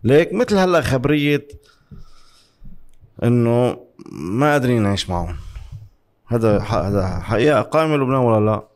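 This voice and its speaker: A man's voice: mid-range voice, lively intonation, moderate pace, pauses often. A man with a Lebanese Levantine Arabic accent in a heated political debate, arguing insistently, repeating words for emphasis and firing off rhetorical questions. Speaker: interview guest giving political commentary.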